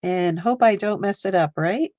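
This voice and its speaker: This woman, who has a slight Canadian accent, hosts a relaxed live art stream, talking to viewers and laughing as she works. She speaks at medium pitch and normal speed with a darkish tone, in a dry, lo-fi recording.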